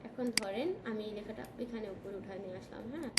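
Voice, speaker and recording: A woman with a Bangladeshi Bengali accent teaching a design software class, checking in often with her students. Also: medium pitch, quick pace. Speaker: design tutor. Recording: echoey room with background noise.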